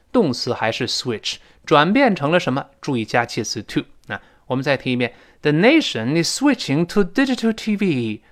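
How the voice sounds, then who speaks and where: Lively teacher, man. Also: medium pitch. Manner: lively explaining, reads English lines slowly and clearly. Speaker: English teacher. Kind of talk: spoken English lesson.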